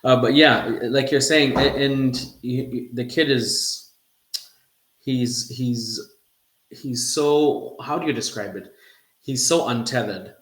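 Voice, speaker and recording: A man's voice: mid-range voice, takes it slowly, a bit bright, reverberant. A man hosting a casual football podcast, chatting loosely and laughing now and then. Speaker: podcast host.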